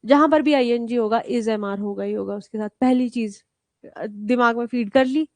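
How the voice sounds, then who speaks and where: A woman's voice: fairly high pitch, normal speed, dry recording. A woman teacher from India giving a live grammar lesson with an Indian accent, quizzing students and calling them "beta" as she explains spelling rules. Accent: Indian English. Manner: switches between Hindi and English terms, spells out rules.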